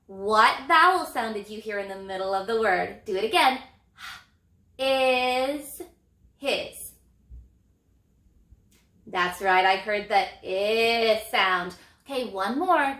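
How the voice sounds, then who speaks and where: A high, bright woman's voice teaching phonics to young children. She speaks slowly and stretches out each sound with exaggerated care. The room around her is echoey. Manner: slow, exaggerated sound modeling with gestures. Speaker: elementary reading teacher.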